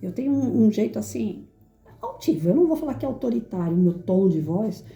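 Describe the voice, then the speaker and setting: A middle-aged woman teacher speaks to an audience in a firm, clear voice that carries. Her tone is very dark and mellow, and the room adds a roomy echo. She sometimes acts out quotes in shrill, high voices. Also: expressive, a little fast, dull audio. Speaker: teacher and educator. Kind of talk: reflective talk to an audience.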